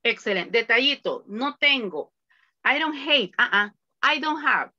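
A woman's voice: a little high, lively intonation, measured pace, pushed and bright, no echo, muffled recording. A woman from El Salvador, teaching an online English class in a chatty way with lots of examples.

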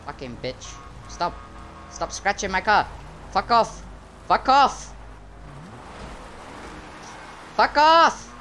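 Man putting on a hot-tempered Arabic-accented driver, swooping pitch. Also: very animated, slow pace, sharp tone, faint music behind, exaggerated voice. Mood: angry. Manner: foul-mouthed, confrontational. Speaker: gamer. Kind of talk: improvised online game role-play. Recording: noisy game audio with vehicle sounds.

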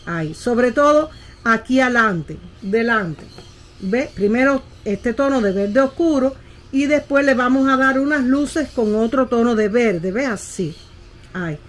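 A woman's voice: fairly high pitch, expressive, a little slow. Woman teaching landscape painting. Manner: patient, keeps asking "¿ve?" while demonstrating. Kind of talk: casual painting tutorial.

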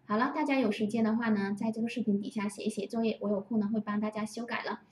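A woman teaching French grammar to Chinese-speaking learners, patiently explaining and slowly repeating example phrases. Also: fairly high pitch, steady tone, a little mellow. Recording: roomy echo, distant from the mic.

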